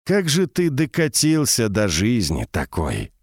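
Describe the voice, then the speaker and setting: A man's voice: mid-range voice, wildly swooping pitch, moderate pace, no room sound, studio quality. A man voicing an ancient mocking mage. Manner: mocking, teasing.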